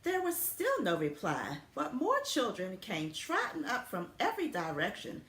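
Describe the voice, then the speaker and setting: A woman principal reading a picture book aloud to children, with expressive storytelling. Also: fairly high pitch, normal speed. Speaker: school principal. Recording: echoey room.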